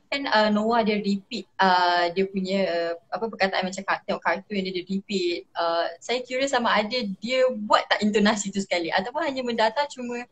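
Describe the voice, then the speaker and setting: Husky Malaysian woman interviewer. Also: mid-range voice, moderate pace, hardly any pauses. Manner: polite, apologetic, many short backchannels. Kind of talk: live-streamed interview.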